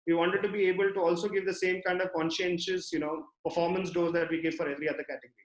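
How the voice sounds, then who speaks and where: A man with an Indian accent fields questions in a conversational way. He has a high male voice, and the room around him echoes noticeably. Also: level tone, racing. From Pune, India. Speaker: business presenter answering questions. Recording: echoey room on online call.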